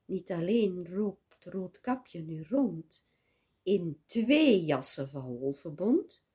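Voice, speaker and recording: A woman reads a rhyming tale in a breathy, husky voice, slow and deliberate. Her delivery is dramatic, with a lively, swooping pitch. At times she sinks to a whisper. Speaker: storyteller. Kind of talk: reading rhyming verse aloud.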